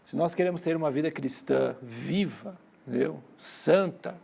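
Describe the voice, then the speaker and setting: A man's voice: on the high side, normal speed, creaky, dark tone, husky. A man with a Brazilian Portuguese accent preaching at a church conference, chatty and storytelling, repeating phrases and calling the crowd brothers. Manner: conversational, tells family stories with acted-out quotes.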